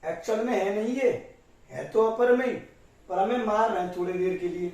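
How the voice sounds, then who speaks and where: A man's voice: high-pitched, normal speed, a little mellow. A male math teacher who explains step by step and keeps addressing his students fondly. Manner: explains step by step, often calls students "beta". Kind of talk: classroom math lesson. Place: classroom with a board. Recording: very echoey room, voice from a distance.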